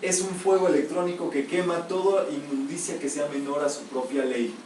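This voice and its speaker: With a fairly high, steady, slightly mellow voice at normal speed, a man lectures a live group on spiritual topics, stressing his points and quizzing them with rhetorical questions. He's a metaphysics teacher, recorded in an echoey room on a distant mic with faint hiss.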